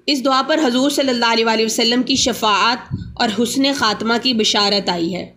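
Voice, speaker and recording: A woman teaching a religious lesson, explaining slowly and repeating the key rules. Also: on the high side, fairly even intonation, a bit bright. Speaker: Quran teacher.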